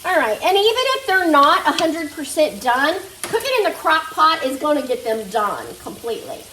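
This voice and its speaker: This woman has a high, sharp-toned voice with big pitch swings and a moderate pace, a touch nasal as she recovers from a fever. A cooking vlogger, she chats casually with viewers ("guys") while cooking at home over a sizzling skillet of meat. The kitchen is echoey, the mic somewhat distant, with a little hiss or hum.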